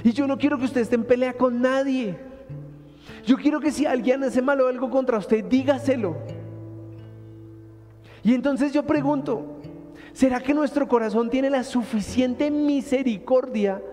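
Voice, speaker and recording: A man in his thirties with a Colombian Spanish accent, preaching a sermon in a lively, colloquial storytelling manner. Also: extremely high pitch, unhurried, long pauses. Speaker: pastor. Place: church hall. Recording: hall reverb with soft instrumental music.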